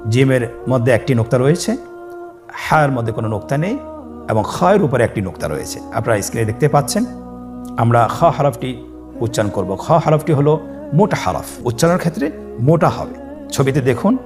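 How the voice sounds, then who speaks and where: A man teaching Arabic letters step by step, leading students to repeat after him with slow, drawn-out letter names. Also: mid-range voice. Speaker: Quran teacher. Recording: faint background music.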